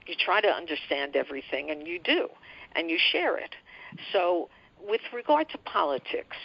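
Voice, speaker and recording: A woman's voice: lowish voice, big pitch swings, moderate pace, vocal fry, muffled recording. A woman hosting an interview show, encouraging her guest and asking long questions. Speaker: host.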